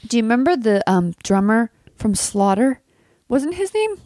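A woman's voice: a little high, very animated, normal speed, dark tone, no room sound. A woman co-hosting a podcast, playful and teasing, with a slight lisp from a retainer. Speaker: podcast co-host. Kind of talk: casual podcast chat.

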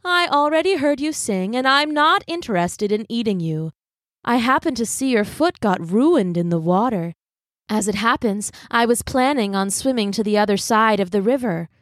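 A woman voicing a sly, smooth-talking female fox who coaxes calmly. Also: on the high side, normal speed, no room sound, clean studio sound, close to an everyday voice. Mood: coaxing. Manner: calm, coaxing.

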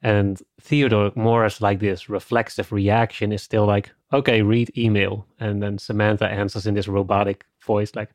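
Low-voiced man co-hosting a film podcast. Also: little pitch movement, moderate pace, few pauses, dry recording, clean studio sound. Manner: conversational, often says "you know" and "like". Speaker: podcast co-host. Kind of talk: casual film discussion.

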